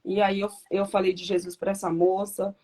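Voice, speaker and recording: Earnest woman guest on a video call, mid-pitched, sharing her faith testimony. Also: flat delivery, normal speed, warm tone. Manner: earnest, reflective storytelling.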